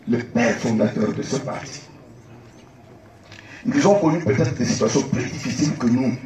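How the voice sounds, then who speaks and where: A man stands as a party candidate and argues with firm, mounting emphasis. His voice sits at a middle pitch. It rings through an echoing meeting hall, picked up from some way off. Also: a little hiss or hum. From Congo. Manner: emphatic, rising to animated insistence. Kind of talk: political debate. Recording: echoey hall from far off.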